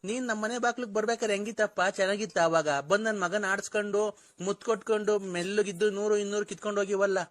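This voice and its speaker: This man speaks with a Doddaballapur Kannada accent. His voice sits very high and he talks fast. He is making a prank call, shouting and hurling accusations down the line. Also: steady tone.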